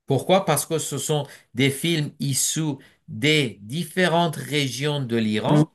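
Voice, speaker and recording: A man interpreting a speaker's remarks in a webinar, relaying each point in measured, formal phrasing with small hesitations. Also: a little high.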